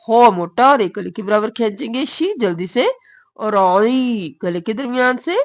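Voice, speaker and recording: A woman teaching Quran recitation rules. She draws the recited words out slowly and explains each sound in quick, short phrases. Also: on the high side, dry recording. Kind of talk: slow recitation and explanation lesson.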